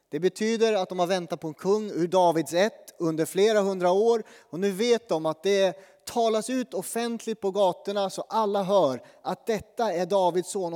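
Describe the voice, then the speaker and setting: A man preaches in an earnest, conversational way, restarting phrases as he thinks aloud. His voice sits on the high side for a man. A long church reverb trails after his words. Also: warm tone. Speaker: pastor. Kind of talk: sermon with prayer.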